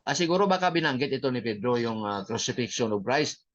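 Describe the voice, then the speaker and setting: A man with a Filipino accent teaching a church history class in an unhurried way, with many fillers and English phrases mixed in. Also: mid-range voice, lively intonation, a bit bright, muffled recording.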